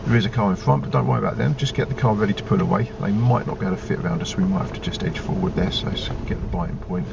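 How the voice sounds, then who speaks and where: Male driving instructor, patient step-by-step coaching, creaky voice, muffled audio under loud car noise. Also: fairly low pitch, racing, few pauses, distant mic. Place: inside a moving car.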